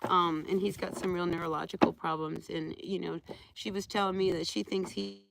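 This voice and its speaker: A woman's voice: on the low side, level tone, moderate pace, gravelly, slight background noise, poor audio. A woman giving a live tarot reading outdoors, talking to viewers in a conversational, familiar way. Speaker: tarot reader hosting a live stream.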